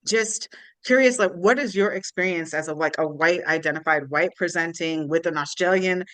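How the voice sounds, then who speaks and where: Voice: medium pitch, normal speed, a bit bright, no echo. A podcast co-host asking curious, thoughtful questions in a casual conversation, laughing often.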